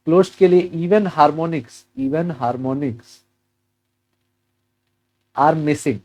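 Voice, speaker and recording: A male physics teacher works through an exam problem, mixing Hindi with English terms. His voice sits a little high but sounds mellow and relaxed. He keeps asking and answering his own questions. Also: low-quality recording.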